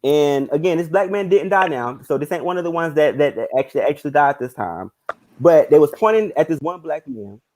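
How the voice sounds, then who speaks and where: A man in a casual group discussion, retelling something earnestly and haltingly, often restarting. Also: a little high, expressive, darkish tone, a little hiss or hum, rough recording.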